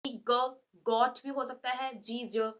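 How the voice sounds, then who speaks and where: A woman teaching letter pronunciation, slowly stretching out example sounds as she explains. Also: a little high, little pitch movement. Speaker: English teacher. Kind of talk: Hindi-English lesson explanation.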